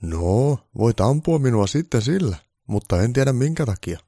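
A man voicing a calm, blunt old Santa Claus who speaks firmly and matter-of-factly, louder and a bit higher than his own voice. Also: no echo. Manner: dry, matter-of-fact, firm.

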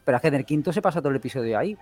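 A man's voice: medium pitch, animated, very fast, darkish tone, faint music behind. A man from chatting casually about a series, rambling and repeating himself, with swearing thrown in. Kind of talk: casual chat.

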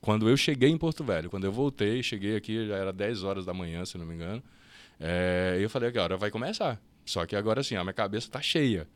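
A Brazilian man telling his story as a podcast guest, lively and quick, with fast restarts and acted-out bits of dialogue. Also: lowish voice, no room sound. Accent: Brazilian Portuguese. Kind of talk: casual storytelling interview.

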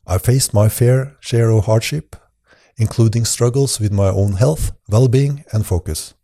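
A Norwegian man hosts a podcast, delivering a scripted monologue. His low voice sounds mellow and relaxed. He speaks earnestly and in a measured way.

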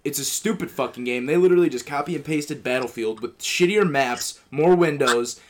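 A man's voice: medium pitch, a little fast. Young man ranting casually over noisy audio. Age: early 20s. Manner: slangy, profane, animated complaining. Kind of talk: casual ranting banter with friends.

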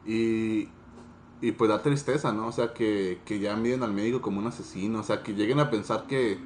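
A man's voice: lowish voice, steady tone, normal speed, slight background noise. A young man with a Mexican accent, a student chatting casually, slangy and thoughtful. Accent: Mexican Spanish. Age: young adult. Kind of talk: casual podcast discussion.

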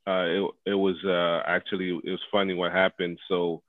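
A man's voice: low-pitched, level tone, moderate pace, no room sound. A man from Zambia, a former basketball player, answering interview questions in a rambling way with many fillers. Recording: phone-like call audio.

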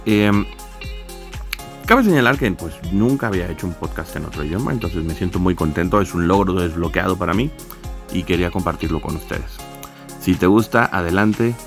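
A man's voice: deep voice, lively intonation, quick pace. Male podcast host, hesitant conversational delivery, faint music underneath. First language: Spanish. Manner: hesitant, restarts often in English. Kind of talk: casual podcast chat.

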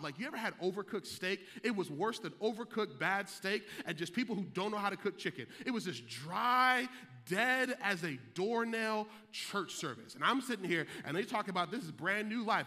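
A pastor preaching a sermon with passion, moving from hushed tones to shouts, with rhythmic repetition, interjected hallelujahs and joking asides. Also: male voice, sits high. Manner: casual, joking asides to the congregation. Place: church sanctuary. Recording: long hall reverb.

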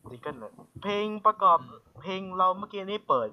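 A man's voice: sits high, sing-song, fairly quick. A young man hosting a casual podcast chat, joking and hesitant, with many fillers. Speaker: podcast host. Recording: lo-fi with faint noise.

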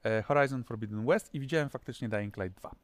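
A man's voice: medium pitch, fast talker, dry recording. A man co-hosting a casual studio talk show about video games, steering the conversation. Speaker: co-host.

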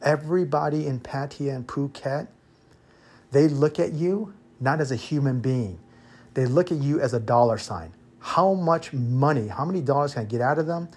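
Speaking with a darkish, slightly rough tone, an American expat hosts a loose podcast monologue in his native English. His voice is mid-range and moderately paced, and he gives blunt, opinionated advice, hammering points through repetition.

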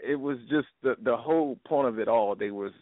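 A man's voice: medium pitch, brisk, no echo. A man moderating a call-in show, easygoing and conversational, chuckling now and then. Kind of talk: casual chat on a call-in show. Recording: dry tinny phone line.

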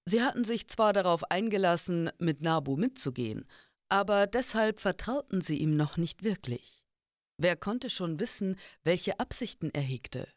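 A woman narrating a fantasy audiobook chapter in an expressive reading voice, in a dry close studio recording. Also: lowish voice, moderate pace, no room sound. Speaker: audiobook reader.

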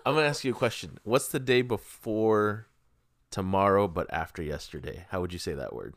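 A man's voice: fairly low pitch, animated, moderate pace, dry recording, studio quality. A man chatting casually, with an informal, teasing way of putting questions to the other person. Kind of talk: casual chat.

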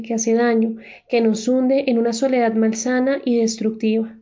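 Woman reading an audiobook, calm and reflective, slightly high voice, muffled lo-fi sound. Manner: measured, reflective. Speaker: audiobook narrator. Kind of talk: scripted first-person audiobook narration. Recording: dull lo-fi recording.

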